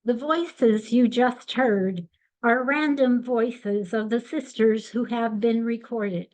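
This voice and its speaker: Older female presenter, unhurried and deliberate, fairly high register. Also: darkish tone, rough recording. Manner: measured and deliberate. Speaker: webinar presenter. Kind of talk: slide presentation.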